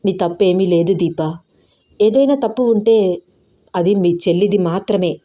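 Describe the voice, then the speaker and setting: A woman's voice: mid-range voice, measured pace, warm tone, close to an everyday voice. A woman voicing a stern, protective young man who speaks seriously and firmly. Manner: serious, firm.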